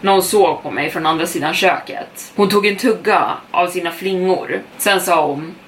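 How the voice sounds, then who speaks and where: A woman podcast host narrating a first-person story in a steady, even manner, recorded a bit far from the mic with faint background noise. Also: fairly low pitch.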